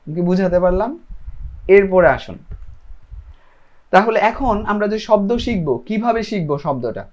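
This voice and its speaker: A man's voice: sits high, lively intonation, normal speed, lo-fi sound. A man giving a casual, chatty lesson, often checking in with his listeners. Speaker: self-taught English learner sharing lessons.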